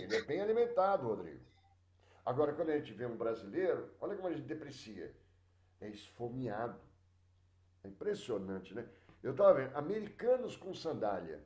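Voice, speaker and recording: A middle-aged Brazilian man teaching sociology in a casual, talkative way, his pitch jumping up and down as he speaks. He talks straight to his students, breaks off to restart his sentences, and fills the gaps with drawn-out fillers. The sound carries the echo of a hard room. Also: dark tone. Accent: Brazilian Portuguese. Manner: chatty, addresses students directly, many fillers and restarts. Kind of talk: live online class.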